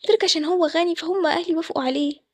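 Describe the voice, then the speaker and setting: Egyptian woman doing a panicky young bride, high voice, super fast, dry sound. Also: steady tone, darkish tone, no room sound. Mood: pleading. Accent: Egyptian Arabic. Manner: fast and pleading. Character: young runaway bride, desperate, pleading.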